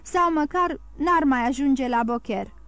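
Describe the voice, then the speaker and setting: A woman's voice: high-pitched, a bit bright, no echo, voice pushed up. A woman voicing a grim, scheming innkeeper's wife with a tremulous, sly and menacing way of speaking.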